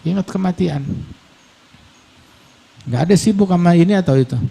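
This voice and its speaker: A man preaching a sermon, telling stories lively, acting out quoted voices and mixing in Arabic phrases. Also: high-pitched, normal speed, gravelly, slightly rough.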